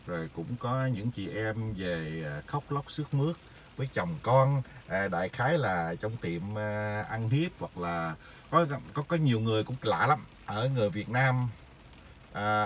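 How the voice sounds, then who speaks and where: Man, middle-aged, lowish voice, rambling casual storytelling, faint background noise. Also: expressive. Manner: rambling, many filler pauses. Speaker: vlogger sharing stories.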